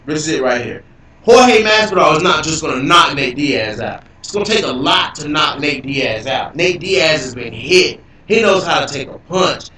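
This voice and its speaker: Live host, man, clangy robot-glitched voice, bright and sharp tone, heard from a distance in a very echoey room. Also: a little high, slight background noise. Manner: loose, profane, repeats himself a lot. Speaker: livestream host. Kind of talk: casual live stream chat.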